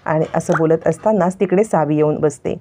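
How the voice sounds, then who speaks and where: Mellow-voiced woman narrating a serial recap. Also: low-pitched, moderate pace. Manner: retells scenes, voicing each character's lines lightly.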